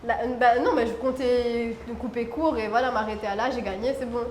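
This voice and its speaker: A woman from Réunion, a guest, telling a personal story in an expressive, dramatic way. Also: fairly high pitch, fairly quick, slight background noise. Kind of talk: animated storytelling. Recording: roomy room with faint music.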